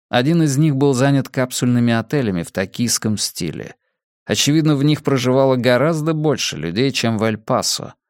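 A man narrating an audiobook in a measured, expressive reading voice. His pitch sits in a middle range for a man. The recording is dry and close, with no room sound. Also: dry recording.

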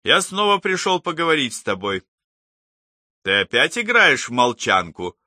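A man's voice: mid-range voice, very animated, normal speed, sharp tone, no echo, clean studio sound, voice pushed up. A man voicing a coaxing male psychologist. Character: calm, persistent male psychologist probing a patient.

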